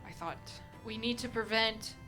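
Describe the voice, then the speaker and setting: A woman's voice: on the high side, moderate pace, loud music behind the voice. A woman playing a tabletop role-playing game, talking partly in character.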